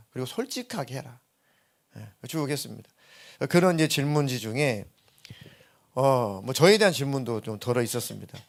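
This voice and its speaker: A man preaching a sermon as senior pastor, telling stories in a conversational way and acting out what people said in a raised voice. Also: mid-range voice. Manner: conversational storytelling preaching, acts out quoted dialogue in a raised voice. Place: church sanctuary.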